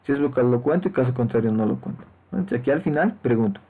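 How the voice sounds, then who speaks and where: A man walks students through code in a screen-recorded lesson, talking at a middle pitch. He explains each step and keeps checking in with short tag questions. His voice comes through a thin, phone-like microphone. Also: expressive, fast talker, breathy edge. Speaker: programming teacher. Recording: tinny lo-fi phone-like mic.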